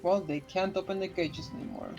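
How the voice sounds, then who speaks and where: Blunt gamer, mid-pitched voice, cursing at the game, game music behind. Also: steady tone, brisk, muffled recording. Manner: blunt, swears when frustrated. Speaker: streamer playing a co-op game. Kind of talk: casual gaming chat.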